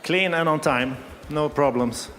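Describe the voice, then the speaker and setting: A man's voice: a little high, a little slow, fairly bright tone, a little hiss or hum. Man, short modest answers. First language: Swedish. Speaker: culinary team coach. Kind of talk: interview answers. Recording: reverberant arena hall.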